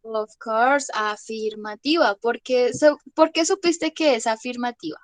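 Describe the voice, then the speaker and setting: A woman's voice: fairly high pitch, measured pace. A woman English teacher giving an online class lesson, patiently explaining and checking often that students follow. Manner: patient, checks understanding with frequent tag questions.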